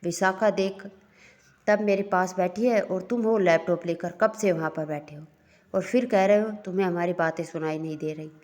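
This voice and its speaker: A woman's voice: lowish voice, steady tone, normal speed, darkish tone, natural voice. A woman voicing a loving elderly grandmother who teases and scolds affectionately in a read-aloud story. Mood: doting, teasing.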